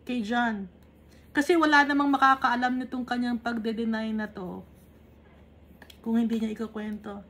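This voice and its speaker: A woman's voice: on the high side, fairly even intonation, normal speed, long pauses, a bit bright. A woman from the Philippines leading a Bible study. She reads English verses and then explains them in casual, conversational Tagalog, often checking in with little tag questions. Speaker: Bible teacher.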